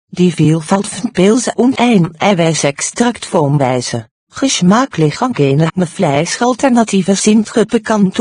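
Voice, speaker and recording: Husky synthetic narrator of unclear sex. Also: medium pitch, darkish tone, no echo, studio quality. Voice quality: synthetic computer voice. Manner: stilted phrasing with odd pronunciations. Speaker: audiobook reader. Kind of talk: scripted narration.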